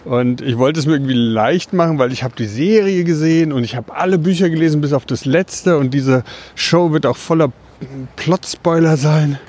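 A man's voice: fairly high pitch, moderate pace, darkish tone. A man co-hosting a casual podcast, talking as he walks outdoors through the city. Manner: talking while walking outdoors. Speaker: podcast co-host. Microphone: wireless transmitter mic. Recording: faint urban street noise.

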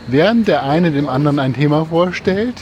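Higher-voiced man podcasting on a city walk. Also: lively intonation, moderate pace, darkish tone. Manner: talking while walking outdoors. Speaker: podcast co-host. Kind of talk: casual podcast chat. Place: outdoors on a city street along a tram line. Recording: faint street and traffic noise behind.

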